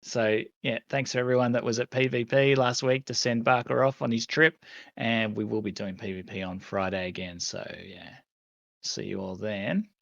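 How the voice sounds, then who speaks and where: A man's voice: medium pitch, steady tone, moderate pace, creaky, a bit bright, no room sound, highs cut off. An Australian man hosting a casual community chat, laid-back and full of fillers. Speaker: community host.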